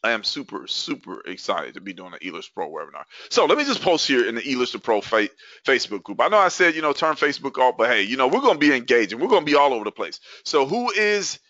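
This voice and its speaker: A man hosts a live online webinar in a hyped, chatty way, repeating himself and piling on fillers. His voice is bright and swings widely in pitch. The sound is dry and dull, like a lo-fi computer mic. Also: sing-song, fast, no room sound. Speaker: webinar host.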